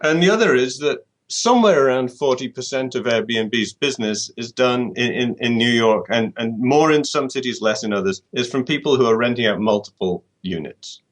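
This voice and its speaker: A man's voice: medium pitch, expressive, normal speed, few pauses. A man from the UK, an author giving an interview and reasoning things through, often repeating words as he thinks. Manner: thoughtful, restarts and repeats words while reasoning. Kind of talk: conversational interview.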